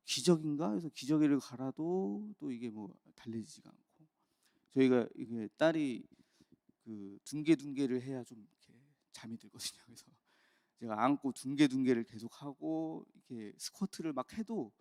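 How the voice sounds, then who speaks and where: A man in his thirties, a pastor telling a candid personal story in an early-morning sermon, with quick bursts and soft trailing asides. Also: medium pitch, animated, creaky, no echo, clean studio sound. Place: church.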